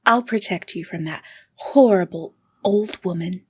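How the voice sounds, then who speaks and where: A woman voicing a possessed woman who speaks with unsettling, sing-song calm. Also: on the low side, unhurried, husky. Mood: sinister sweet. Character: possessed woman, eerily sweet, sinister.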